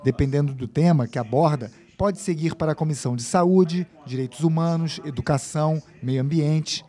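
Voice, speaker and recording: A male news reporter with a Brazilian Portuguese accent narrates a scripted report in a measured, formal way. His voice sits a little high and sounds mellow.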